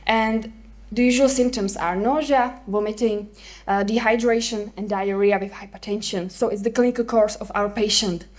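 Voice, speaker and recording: A woman's voice: mid-range voice, fairly even intonation, moderate pace, a little mellow. A woman from the Czech Republic with a Czech accent, giving a medical case presentation and putting questions to her listeners. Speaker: hospital clinician presenting a case report. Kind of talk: conference presentation.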